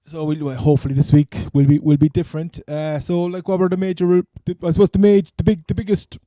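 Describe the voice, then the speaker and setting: Male sports co-host, Cork Irish accent, dark relaxed tone, dry close sound, halting and repetitive, casual chat. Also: on the high side, dry recording. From Cork, Ireland. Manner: rambling, stammering, repeats phrases. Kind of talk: casual American football chat.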